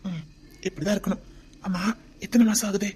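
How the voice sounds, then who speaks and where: A woman's voice: medium pitch, fairly quick, dark tone, husky, close to an everyday voice. Woman voicing a doting Tirunelveli husband. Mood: tender. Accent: Tirunelveli Tamil. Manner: tender, pleading, often near a whisper. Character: doting young husband, soon to be a father. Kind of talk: homemade web drama.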